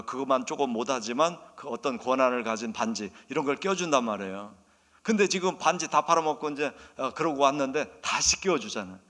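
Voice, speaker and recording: Man preaching in a reverberant church. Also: medium pitch. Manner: storytelling sermon, acts out quotes, swings from soft asides to loud emphasis. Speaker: pastor. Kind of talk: sermon. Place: church sanctuary. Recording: long reverb of a church hall.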